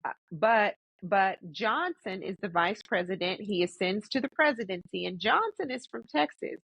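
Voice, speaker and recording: A woman in a conversational family interview, speaking emphatically and repeating phrases, on low-bitrate audio. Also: expressive, normal speed, gravelly, a bit bright, breathy edge, rough recording. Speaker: interviewer, daughter questioning her father.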